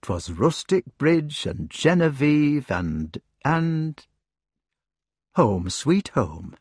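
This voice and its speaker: A man's voice: a little high, sing-song, very slow, a little mellow, breathy edge, no room sound, clean studio sound, pitched above the performer's own voice, full character voice. A man voicing a humble, shy male hedgehog in a storybook, speaking in a broad West Country rustic dialect with earnest eagerness.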